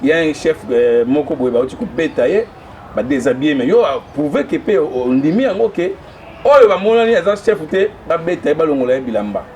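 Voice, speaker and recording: Hesitant male interviewer, slightly high voice. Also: sing-song, a little fast, darkish tone, lo-fi sound, slight background noise. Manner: hesitant, many "euh" fillers. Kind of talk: interview questions.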